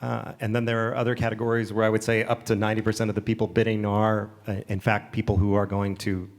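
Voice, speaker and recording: Man auctioneer, lively storyteller. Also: on the low side, fast talker. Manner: lively storyteller who acts out bidders. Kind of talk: panel discussion. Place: symposium stage before an audience.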